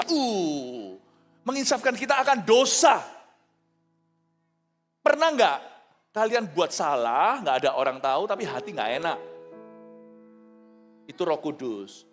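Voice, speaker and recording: A high-voiced male pastor preaches with bouncing energy, teasing and quizzing his congregation. His voice rings out through a large hall with a long reverb tail. Faint music plays softly beneath him. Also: unhurried, pauses often. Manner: animated, jokey, asks the crowd questions. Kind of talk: lively sermon to a congregation.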